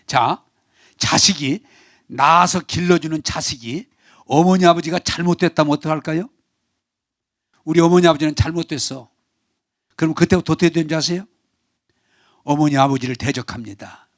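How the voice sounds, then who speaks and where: A male pastor preaching a Sunday sermon in Korean, animated, acting out quarrelling family members. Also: a little high, no echo, clean studio sound. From South Korea. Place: church sanctuary.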